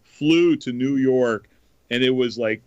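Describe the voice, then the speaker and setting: A man hosting a podcast in casual chat, telling stories in an animated way. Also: mid-range voice, slow, dry recording, muffled recording. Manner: animated storyteller. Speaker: podcast host.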